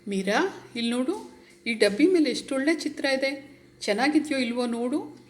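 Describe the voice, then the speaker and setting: Woman reader doing a gruff forties gentleman in a read-aloud story, short-tempered and clipped. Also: high voice, lively intonation, moderate pace, voice pushed up. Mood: coaxing. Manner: curt, scolding. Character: well-off middle-aged man, curt and impatient.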